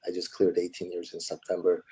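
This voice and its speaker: A man in his forties from Los Angeles, answering interview questions in a relaxed way and thinking aloud with many fillers. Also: low-pitched, fairly quick, poor audio. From Los Angeles, United States. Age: 40s. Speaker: guest, entrepreneur.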